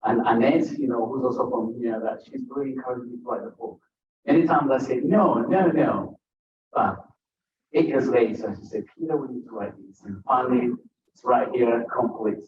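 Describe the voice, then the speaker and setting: A Ugandan man whose first language isn't English talks with the audience at a bookstore author event, joking between stories. His mid-range voice is a little mellow at a moderate pace, and the roomy, distant, dull recording carries a slight hiss or hum.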